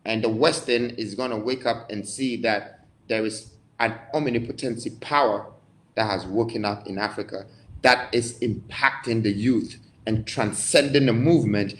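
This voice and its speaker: A man from Ghana, a guest in a live online interview, speaking in grand, declamatory phrases with dramatic pauses. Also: lowish voice, rough recording.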